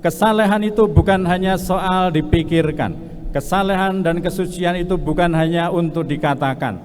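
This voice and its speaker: A man's voice: high-pitched, normal speed, a little hiss or hum. A man preaching a sermon as a priest, telling a funny story with playful asides. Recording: reverberant church hall.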